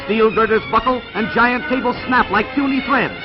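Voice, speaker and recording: A man narrating an old 1940s newsreel in a dramatic, booming announcer style. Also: moderate pace. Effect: old 1940s newsreel soundtrack. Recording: muffled old film sound under loud music.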